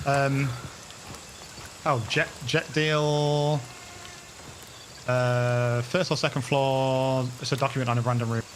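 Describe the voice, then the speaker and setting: A man playing a tactical shooter as a teammate, giving calm, matter-of-fact callouts and directions. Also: mid-range voice, slow, long pauses, a little hiss or hum, poor audio. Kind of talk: casual gameplay chat and callouts. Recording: loud game sounds behind.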